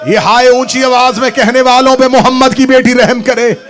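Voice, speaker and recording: A man reciting a mourning elegy at a religious gathering, dramatic and grieving, rising at times to chanted shouts. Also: extremely high pitch, fairly even intonation, moderate pace, over music.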